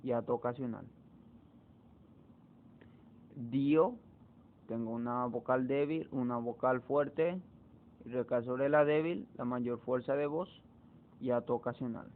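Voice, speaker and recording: A man teacher, walking students through exam answers slowly, repeating key words to drive them home. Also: medium pitch, fairly even intonation. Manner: slow, repetitive explaining, repeats key words. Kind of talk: exam walkthrough lesson. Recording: tinny phone-like audio.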